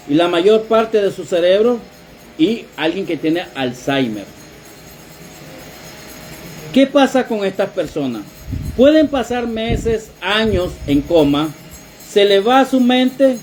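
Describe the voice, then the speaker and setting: A man's voice: sits high, a little mellow, a little hiss or hum. A man preaching a sermon to his congregation, telling stories as he goes. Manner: storytelling preacher addressing the congregation.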